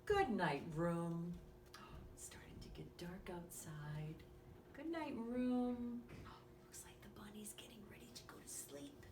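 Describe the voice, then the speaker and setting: Speaking straight to young children, a woman leads a read-aloud storytime and craft lesson in a lively, sing-song voice that swoops widely up and down. Her mid-range voice moves unhurriedly, and she asks simple questions. The distant mic catches an echoey room and faint noise.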